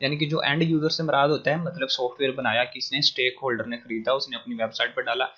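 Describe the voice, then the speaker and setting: Bright-voiced man tutoring. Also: medium pitch, steady tone, breathy edge. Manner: explains slowly, mixing in English phrases, frequent fillers. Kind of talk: casual recorded lecture. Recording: dull lo-fi audio.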